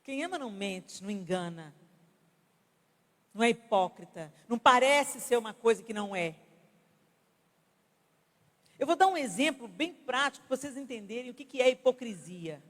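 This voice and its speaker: A Brazilian woman pastor in her fifties, preaching at a women's conference in an animated, conversational way with acted-out examples. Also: fairly high pitch, normal speed, long pauses. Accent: Brazilian Portuguese. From Brazil (Belo Horizonte). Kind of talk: conference sermon. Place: large church conference hall. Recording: reverberant church hall.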